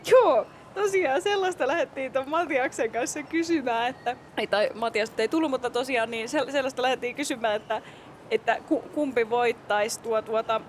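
Woman, podcast co-host, high voice, playful chat, faint noise behind. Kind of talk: casual comedic podcast chat and skit.

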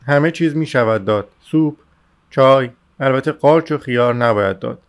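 A man's voice: mid-range voice, lightly acted. A man voicing a languid, offhand male doctor in an audiobook reading. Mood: languid calm. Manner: languid, offhand, matter-of-fact. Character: Zosimov, languid self-assured male doctor.

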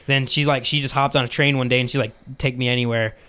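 A man tells a long story on a casual podcast, looping back on himself and leaning on "like" all the way through. His voice is smooth and clear, at an ordinary middle pitch. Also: little pitch movement, fast talker, sharp tone. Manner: rambling, fills talk with "like". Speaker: podcast host.

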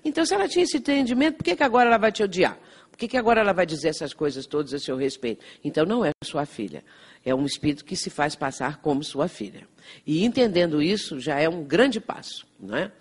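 A woman's voice: sits low, lively intonation, quick pace, slightly rough. A Brazilian woman giving an earnest spiritist lecture, explaining patiently and often checking in with "não é?". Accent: Brazilian Portuguese. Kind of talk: lecture with anecdotes. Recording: reverberant hall.

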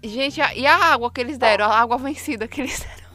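A Brazilian woman hosting a podcast, telling stories in a chatty, animated way. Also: on the high side, fast, over music. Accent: Brazilian Portuguese. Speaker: podcast host. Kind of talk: casual chat.

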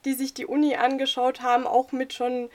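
A woman's voice: high-pitched, completely flat delivery, fairly quick, a little hiss or hum. A young adult woman chatting casually as a student participant in a podcast conversation.

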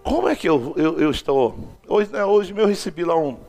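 Pastor preaching hard, high voice, acts out little scenes. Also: male voice, animated, moderate pace, darkish tone, faint music behind. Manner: fervent, exhorting, acts out dialogue. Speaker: apostle preaching. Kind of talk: sermon.

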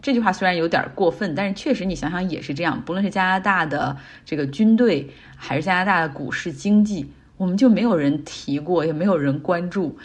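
Middle-aged woman, podcast host; low, husky voice, easygoing chatty commentary. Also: quick pace, hardly any pauses. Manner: chatty, explains English words in Chinese. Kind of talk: casual commentary.

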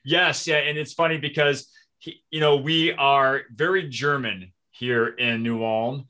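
A man's voice: mid-range voice, steady tone, unhurried, sharp tone. A man in his forties from Minnesota, a podcast guest telling his story in casual conversation, chatty and self-deprecating.

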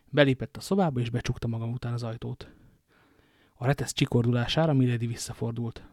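A man narrating a novel aloud, with even, steady storytelling. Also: mid-range voice, no echo, clean studio sound. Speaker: audiobook narrator. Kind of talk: novel reading.

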